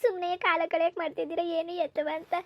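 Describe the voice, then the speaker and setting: A woman voicing Kaveri, a high, anxious village girl. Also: little pitch movement, fairly quick, dry recording, muffled recording. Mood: earnest. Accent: rural Karnataka Kannada. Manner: pleading, worried, speaks of family fears. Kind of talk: cartoon voice acting.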